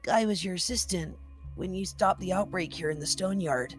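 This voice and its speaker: A woman voicing a sullen, cheeky young boy assistant from a video game, creaky, impatient and insolent. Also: lowish voice, normal speed, soft background music, lightly acted. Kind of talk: reading game dialogue aloud in character.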